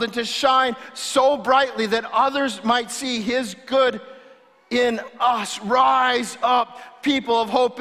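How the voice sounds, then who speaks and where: A man's voice: extremely high pitch, bright, forceful tone. A man preaching a sermon as a pastor, with fervent, fiery rallying oratory and emphatic repetition. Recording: reverberant hall.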